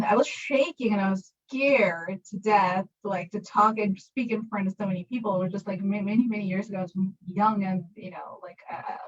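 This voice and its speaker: A woman panelist telling a personal story over a video call, halting and full of fillers, laughing easily. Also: mid-range voice, muffled recording.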